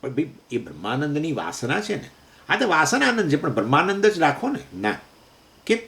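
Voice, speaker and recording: A man's voice: on the high side, wildly swooping pitch, creaky, a bit bright. A man teaching a scripture lecture, explaining verses with everyday examples and asking and answering his own questions. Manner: chants Sanskrit verses slowly. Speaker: Vedanta teacher.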